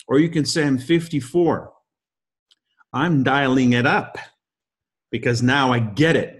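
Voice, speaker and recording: Guest-hosting a leadership call, this fifties-aged man speaks at a medium pitch and an unhurried pace. His talk is motivational and leans heavily on emphatic rhetorical questions.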